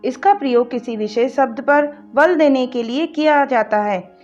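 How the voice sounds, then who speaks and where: A woman teaching a grammar lesson, explaining each point and reading example sentences slowly and deliberately. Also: high voice, darkish tone. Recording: dull lo-fi sound with faint music behind.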